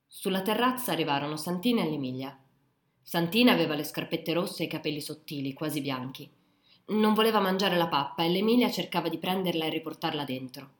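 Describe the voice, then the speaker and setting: Female audiobook narrator, calm and measured, low-pitched, recorded with roomy echo.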